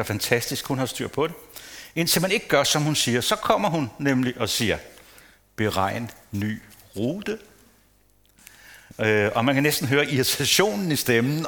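A man giving a casual sermon to a congregation, chatting, asking the listeners questions and sometimes dropping to a hushed tone. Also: mid-range voice. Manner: conversational, asks the audience questions, playful asides. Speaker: preacher.

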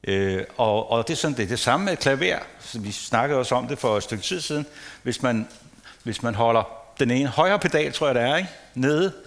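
A man giving a casual sermon to a congregation, chatting, asking the listeners questions and sometimes dropping to a hushed tone. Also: mid-range voice, expressive. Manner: conversational, asks the audience questions, playful asides. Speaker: preacher.

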